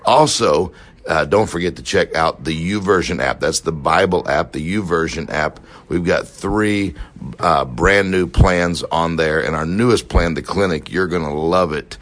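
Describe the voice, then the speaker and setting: Very deep-voiced male podcast host. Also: a bit bright. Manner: fast, loose outro with fillers. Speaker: podcast host, success coach. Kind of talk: podcast hosting and promotion.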